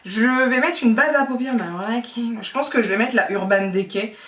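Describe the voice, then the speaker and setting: A woman from France giving a casual makeup tutorial, talking chattily with many fillers and pauses. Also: fairly high pitch, a crowd in the background. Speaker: beauty vlogger. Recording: roomy echo, distant mic.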